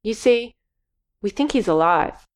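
A woman's voice: mid-range voice, expressive, measured pace, pitched above the performer's own voice, lightly acted. A woman narrator voices an earnest teenage boy, a loyal friend. He speaks in a persuasive, sincere way in a storybook reading.

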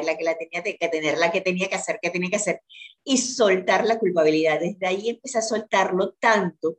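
A woman who is a guest in an interview, telling a personal story in an earnest way and often repeating words for emphasis. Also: lowish voice.

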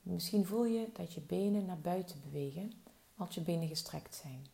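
A woman guiding a slow body-relaxation meditation with soft, soothing instructions. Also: fairly low pitch, gravelly. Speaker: relaxation guide.

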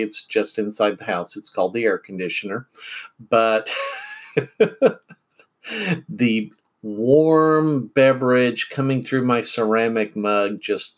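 Slow, rambling middle-aged podcast host. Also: male voice, mid-range voice. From central Illinois. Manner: rambling, unhurried, many fillers and restarts. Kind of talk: casual morning podcast chat. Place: at home.

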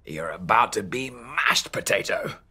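A cheeky little green villain pea sneers and taunts in a slow, low drawl, as a man reading a bedtime storybook puts him on. The voice is deep and husky, with lively swings in pitch. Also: heavily acted. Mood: taunting.

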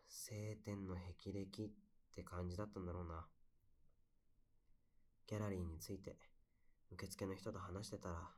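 A low-pitched young man, played by a male voice actor, shares memories in a bedside audio drama. He is wistful and soft-spoken, telling his story intimately, as if to one close listener. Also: lightly acted.

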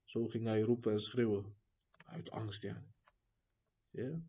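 A man teaching an Islamic lesson who reads texts quickly, then explains them at length with many fillers and asides to his listeners. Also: fairly low pitch, flat delivery, mellow, slightly rough, muffled recording. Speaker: religious teacher.

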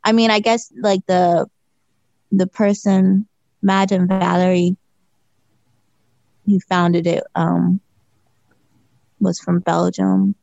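A woman speaks relaxed and casual as a podcast co-host. Her voice is gravelly and mellow, and the audio is dry, dull and lo-fi. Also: on the low side, slow pace, long pauses, no echo. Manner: relaxed, laughs along easily.

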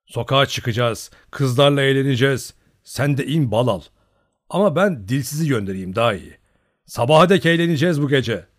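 A man voicing a cocky young male Cossack who talks in a brisk, confident way. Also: medium pitch, animated, close to an everyday voice. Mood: cheerful.

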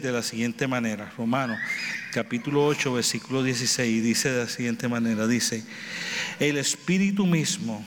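A man preaching a sermon, with repeated phrases and rhetorical questions, swinging between raised and low delivery. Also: fairly bright tone. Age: adult with children. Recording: reverberant hall with faint background noise.

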